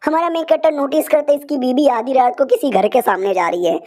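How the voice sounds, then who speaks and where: A woman retells a comic chapter in a relaxed, chatty recap, full of slang and asides. Her voice sits notably high. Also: a little fast. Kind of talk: casual comic story recap.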